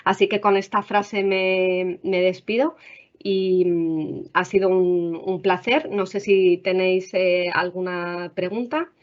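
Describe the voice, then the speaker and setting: A woman's voice: fairly low pitch, steady tone, slow pace. Spanish woman counselor advising parents. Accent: Spain Spanish. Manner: warm advisory tone, frequent "vale?" checks. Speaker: school counselor giving a parenting webinar. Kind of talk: explanatory talk to parents. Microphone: video call. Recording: dull video-call audio.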